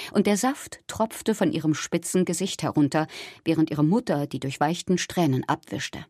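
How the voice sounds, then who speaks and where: A woman with a husky voice reading a first-person story aloud in a lively way. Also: fairly low pitch, no echo, studio quality. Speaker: narrator. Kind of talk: audiobook narration.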